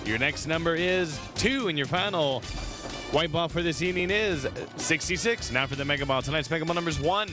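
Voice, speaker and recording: A man's voice: a little high, fairly quick, music in the background. A man hosting a televised lottery draw, announcing in an upbeat, presentational style.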